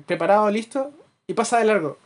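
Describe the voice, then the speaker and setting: A man with a Chilean accent chatting casually as a podcast co-host, acting out his anecdotes with lively asides. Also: high-pitched, brisk. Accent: Chilean Spanish. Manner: animated storyteller, acts out anecdotes, laughs at his own jokes. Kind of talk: casual chat.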